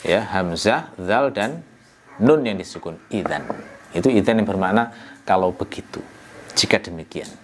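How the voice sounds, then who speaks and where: A man teaching the meaning of a scripture passage in a relaxed, conversational way. He poses rhetorical questions and answers them himself. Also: sits low, normal speed, pauses often, slight background noise. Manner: conversational, frequent "ya" and "nah" fillers. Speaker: Quran exegesis teacher. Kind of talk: explanatory religious lecture.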